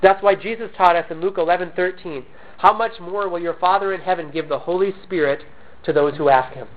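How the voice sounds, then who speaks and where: A pastor preaching in an earnest, measured way, posing questions to the congregation and answering them himself. His voice sits high for a man. The recording is thin and tinny, like a phone line. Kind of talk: sermon.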